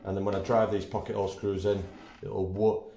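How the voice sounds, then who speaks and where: A man's voice: fairly low pitch, little pitch movement, brisk, gravelly. A man, chatting casually and explaining each step as he builds furniture in a large workshop. He is self-mocking and talks through his work. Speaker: woodworking channel host. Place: large indoor woodworking workshop. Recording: roomy workshop echo, faint noise.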